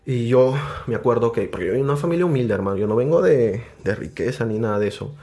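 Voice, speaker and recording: Young peruvian guy on a podcast, chatty and animated, middle-pitched, keeps saying brother. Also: fast. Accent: Peruvian Spanish. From Peru. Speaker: podcast guest. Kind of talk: casual interview storytelling.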